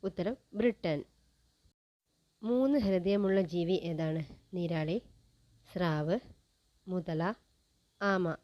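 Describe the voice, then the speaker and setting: A woman presenting a general-knowledge quiz, reading each question and its options in a measured, list-like way. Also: fairly low pitch, no room sound, highs cut off.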